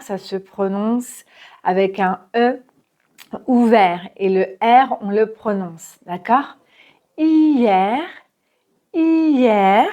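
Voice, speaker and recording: A woman teaching pronunciation, speaking very clearly and modelling sentences slowly, syllable by syllable, for learners to repeat. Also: fairly high pitch, darkish tone. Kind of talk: slow, clearly articulated pronunciation lesson.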